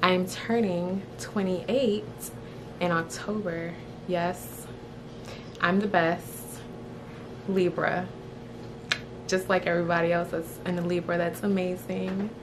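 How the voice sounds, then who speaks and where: A woman's voice: on the low side, little pitch movement, slow pace, pauses often, noisy background. A woman in her twenties from South Florida, chatting playfully to camera about herself in a small room. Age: 20s. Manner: chatty, playful, self-described rambler. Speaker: beauty vlogger, licensed esthetician. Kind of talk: casual chat to camera. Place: indoors, small room before a woven screen.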